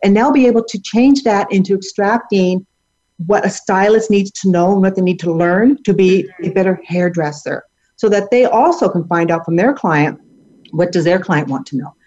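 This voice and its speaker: A woman's voice: medium pitch, moderate pace, darkish tone. A middle-aged woman answering as an interview guest, upbeat and laughing lightly as she talks. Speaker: guest, hair educator. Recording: dull lo-fi audio.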